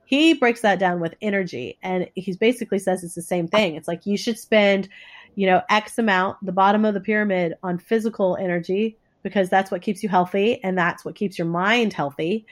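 A woman with a stuffy, congested nose talks conversationally as an interview guest, explaining things in a halting way. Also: medium pitch. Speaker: interview guest, author and coach.

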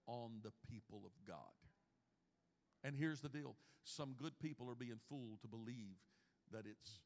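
A man in his fifties preaching a sermon as pastor, swinging from hushed lines to loud emphatic ones. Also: medium pitch. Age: 50s. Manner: preaching with big swings in loudness, from hushed to shouting. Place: church sanctuary. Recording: long reverb of a church hall.

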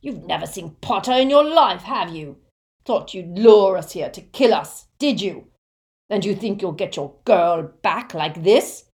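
A woman voicing a cruel male villain wizard with a rough, shouting voice in an audiobook. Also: on the low side, lively intonation, measured pace, hardly any pauses. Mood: roaring anger.

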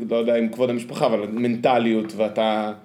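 A man's voice: medium pitch, little pitch movement, darkish tone. Echoey Israeli man thinking aloud. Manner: halting, reflective, searching for words. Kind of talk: casual conversation. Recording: echoey, roomy sound.

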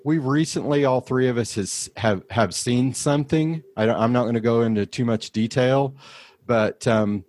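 A man's voice: medium pitch, normal speed, darkish tone, no room sound. A man hosting a casual podcast, rambling a little and restarting his sentences. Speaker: podcast host.

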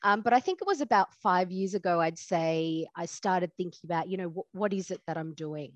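Woman, 30s, lawyer guest on a podcast; lowish voice, thoughtful and chatty, dry close mic. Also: expressive, brisk, no echo. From Australia. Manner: reflective, lots of fillers, laughs easily. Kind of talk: podcast interview.

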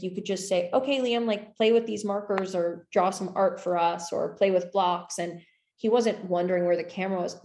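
A woman's voice: lowish voice, creaky, a little mellow, reverberant. A young adult woman talking casually and enthusiastically about making her film, rambling with lots of fillers. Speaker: filmmaker discussing her film. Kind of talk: casual conversation.

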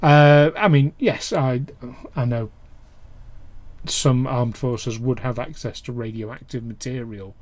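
A man's voice: mid-range voice, slow, dry recording. A man in casual podcast chat who hesitates a lot, full of ums and restarts.

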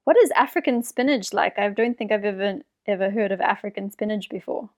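A woman hosts a podcast interview, enthusiastically introducing her guest and putting questions to them. Her voice is medium-pitched and darkish, and she talks briskly.

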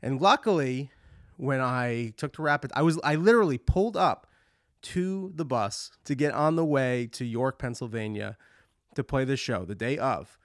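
Hosting his own podcast, this touring musician talks candidly in a rambling monologue, cursing frequently and sounding stuffed up from a cold. His medium-pitched delivery is animated and at a normal speed, on a dry, clean studio recording.

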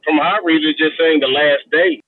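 A man's voice: on the high side, steady tone, fairly quick, no room sound. A man in a casual group Bible discussion, heard through a staticky, CB-radio-like line from a car, pressing his point with repeated questions. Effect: staticky, CB-radio-like sound. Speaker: discussion participant. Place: in a moving car. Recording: tinny, phone-like line from a car.

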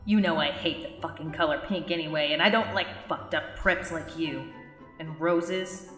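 A woman's voice: low voice, moderate pace, a bit bright. A woman playing a foul-mouthed melodramatic goth teen witch. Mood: snarling. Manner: swearing, melodramatic outbursts. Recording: roomy echo, faint music.

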